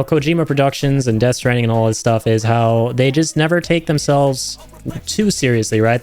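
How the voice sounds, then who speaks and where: This man hosts a gaming reaction channel, offering casual, enthusiastic commentary over game footage in a chatty, slang-heavy style. His voice is mid-range and a little mellow.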